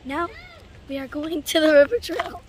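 A woman's voice: high voice, fairly even intonation, moderate pace. A young woman vlogging casually on a park trail by a river, giggly and easygoing, saying "like" a lot. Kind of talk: casual outdoor vlog chat. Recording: outdoor phone recording with background noise. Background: outdoor ambience.

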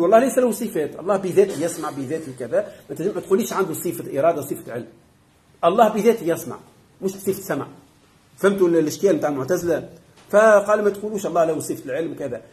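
A man with a Tunisian accent gives a religious doctrine lesson as a sheikh. His voice sits high for a man, and he talks very fast. He explains point by point and keeps asking the class whether they have understood. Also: a little mellow. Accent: Tunisian Arabic.

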